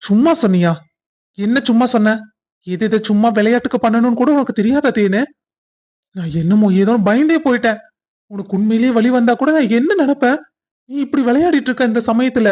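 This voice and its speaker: A performer voicing a young husband in a cartoon story, earnest and quick to scold. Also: mid-range voice, a little mellow, muffled recording, natural voice. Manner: stern then tender, scolding. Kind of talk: cartoon voice acting.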